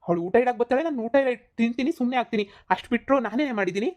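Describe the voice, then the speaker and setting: A woman voicing a short-tempered middle-aged husband, scolding rapidly in a cartoon comedy. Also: fairly high pitch, lively intonation, darkish tone, close to an everyday voice. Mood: angry. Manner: scolding, rapid, repeats insults.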